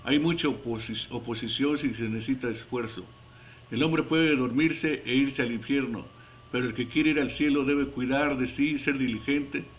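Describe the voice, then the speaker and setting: A man earnestly reading a devotional Bible commentary at a measured pace, with occasional stumbles, closing in prayer. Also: mid-range voice, fairly even intonation, muffled recording, slight background noise. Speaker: devotional preacher.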